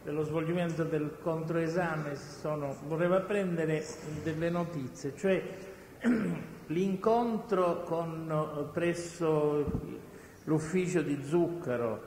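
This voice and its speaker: A male lawyer cross-examining a witness in court with probing, halting questions. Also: a little high, a little mellow. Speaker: defense lawyer. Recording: echoey courtroom with long reverb and faint noise.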